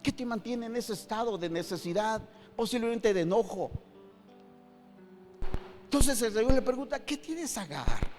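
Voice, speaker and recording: A middle-aged man preaching a sermon as pastor, emphatic, swinging between loud and hushed with many rhetorical questions. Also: very high voice, moderate pace, long pauses. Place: church hall. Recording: long hall reverb with faint guitar.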